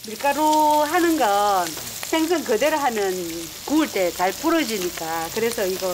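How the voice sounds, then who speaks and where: A woman's voice: fairly high pitch, big pitch swings, unhurried. A middle-aged woman with a Gyeongsang accent, talking through a face mask as a local cook who explains her cooking plainly and homely. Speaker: local fishing-village cook. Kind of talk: casual chat with a film crew. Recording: noisy location sound.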